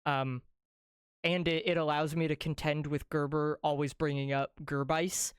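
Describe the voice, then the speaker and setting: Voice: medium pitch, level tone, normal speed, clear, resonant tone, no room sound, studio quality. A host of a streamed talk show chatting casually, often laughing and restarting sentences. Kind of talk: casual chat.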